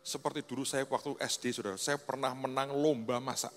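A man with a Javanese-tinged Indonesian accent, preaching a sermon as a pastor and telling stories with lively, acted-out voices. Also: mid-range voice, a little fast. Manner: animated storyteller, acts out quoted voices. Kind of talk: sermon storytelling. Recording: long reverb in a large hall with faint music.

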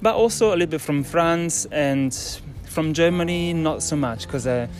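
A man with a Swiss Italian accent, a native Italian speaker, answering as a chef guest in a relaxed way full of hesitations and fillers. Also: on the high side, normal speed, faint music behind. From Italian-speaking Switzerland. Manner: relaxed, hesitant with many fillers, laughs easily.

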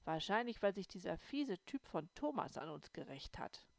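A woman's voice: on the low side, big pitch swings, normal speed, gravelly, no room sound. A woman reader voicing a worried, clever young girl who explains things earnestly in an audiobook. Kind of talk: audiobook reading.

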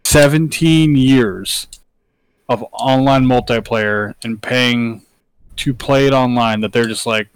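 A man's voice: medium pitch, slow pace, clear, resonant tone, no echo, low-quality recording. Opinionated man hosting a gaming chat. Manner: opinionated, emphatic. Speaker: podcast host. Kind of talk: casual gaming podcast chat.

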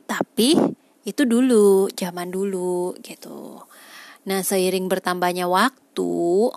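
A woman's voice: on the low side, steady tone, slow, creaky, darkish tone, no room sound. A woman, talking casually to her viewers, reasoning aloud and dropping frequent filler tags. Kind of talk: casual monologue on life choices.

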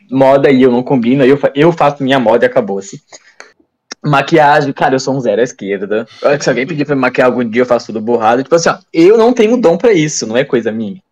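A man, a guest telling stories in a casual, animated interview. He acts out the dialogue he retells and restarts his sentences often. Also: mid-range voice, lo-fi sound. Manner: many fillers and restarts.

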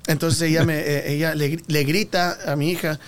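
A man's voice: on the high side, little pitch movement, moderate pace, clear, resonant tone. A man telling a story in a casual interview, acting out voices and sound effects as he goes. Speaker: guest singer.

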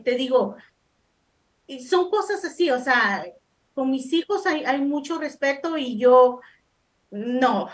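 A woman with a notably high voice speaks on a talk show panel, giving casual advice. She is middle-aged and talks firmly and emphatically, circling back to drive her points home. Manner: firm, emphatic, repeats points for stress.

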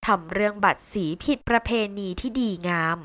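Woman reading a romance novel aloud, bright tone, dry close sound, steady expressive delivery. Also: medium pitch, normal speed, no echo. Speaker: novel reader. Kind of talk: first-person novel narration.

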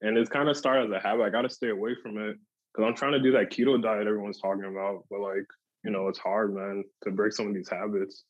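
A young man speaking as a podcast guest in casual chat, relaxed and full of "like" and "um". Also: lowish voice, fast talker, no room sound. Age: young adult. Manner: relaxed, lots of "like" and "um". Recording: dull lo-fi dry sound.

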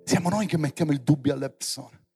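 Male youth preacher, fairly high voice, theatrical, pushes to loud exclamations. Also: quick pace, breathy edge, faint music behind. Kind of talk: lively sermon to young people.

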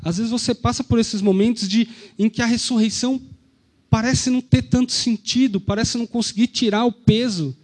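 A man's voice: very high-pitched, fairly even intonation, normal speed. A man with a Brazilian Portuguese accent, preaching an Easter sermon as a pastor, retelling the story and asking the congregation rhetorical questions.

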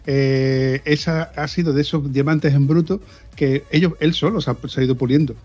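A man from southern Spain co-hosting a podcast in casual chat, animated and acting out the lines he quotes. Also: medium pitch. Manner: animated, acts out quoted dialogue. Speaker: podcast co-host. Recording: dull lo-fi recording.

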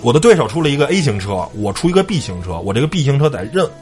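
A man hosting a casual car podcast, relaxed and repeating words as he talks. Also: medium pitch, rapid-fire, soft background music. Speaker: podcast host. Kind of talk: casual chat.

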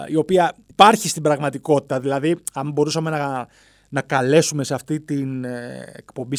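Alone in a studio, a man with a slightly high voice and no echo hosts a solo comedic podcast. He rambles playfully from one bit to another and slips into silly voices.

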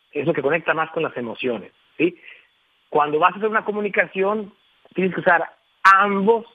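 A man's voice: a little high, husky, no echo. A man, a guest on a radio show talking over the phone, explaining emphatically and addressing the listener with frequent tag questions. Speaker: guest speaker on communication. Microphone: telephone. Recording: tinny dry phone line.

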